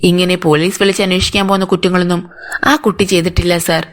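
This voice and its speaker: A woman's voice: fairly low pitch, flat delivery, fast talker, close to an everyday voice. A woman voicing an older housemaid who gives anxious, defensive answers to police. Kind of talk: audiobook character voice.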